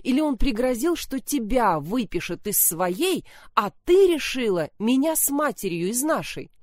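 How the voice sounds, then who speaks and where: A woman voicing a worn, bitter older sister who speaks in a sharp, accusing manner, in a narrated story. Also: a little high, very animated, normal speed, dry recording, pitched above the performer's own voice.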